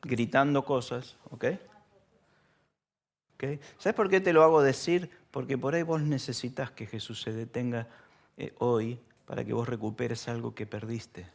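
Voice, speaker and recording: A man with a Rioplatense Spanish accent preaching a sermon in a church, talking casually, asking the congregation questions and acting out shouted lines. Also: medium pitch, fairly even intonation, measured pace, vocal fry. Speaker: pastor.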